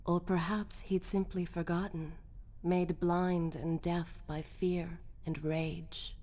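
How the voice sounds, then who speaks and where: A solemn, mellow game storyteller. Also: female voice, on the low side, little pitch movement. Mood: grave. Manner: measured, grave. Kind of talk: scripted dramatic game narration.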